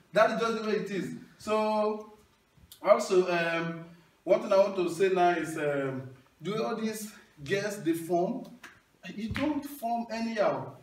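Performing stand-up in a small wood-panelled hall, a young Nigerian man with a Nigerian accent spins stories loudly in a high voice, singing and shouting his punchlines with animation. His handheld mic is captured from across the room, so the recording is echoey and far away.

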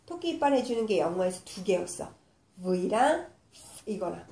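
Slow, animated woman teaching kids phonics. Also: medium pitch. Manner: patient, slow and animated, sounding out letters. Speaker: English teacher. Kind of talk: phonics lesson for young children. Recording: echoey room with faint noise.

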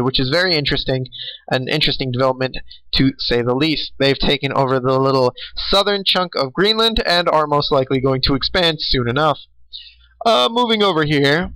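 A tired young man hosts a casual recap of an online strategy game, rambling along with fillers and little laughs. His voice is on the high side, pushed and bright, in a dry, rough recording.

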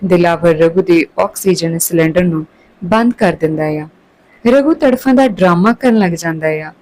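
A woman's voice: fairly low pitch, unhurried, poor audio. Woman narrating a Punjabi story. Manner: switches between calm narration and raised voices for quarrelling characters. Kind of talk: scripted story narration with voiced dialogue.

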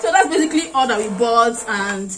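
A woman's voice: fairly high pitch, fairly quick, faint music behind. A young woman in her twenties with a Nigerian accent, chatting animatedly on her vlog and slipping into pidgin. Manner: animated, laughing, mixing in pidgin. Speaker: vlogger. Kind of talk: casual vlog chat. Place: indoors at a doorway. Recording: noisy background.

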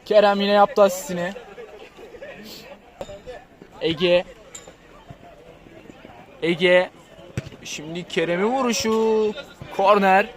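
A man giving live play-by-play football commentary, lifting into excited, drawn-out calls on shots and goals. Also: high-pitched, some chatter behind.

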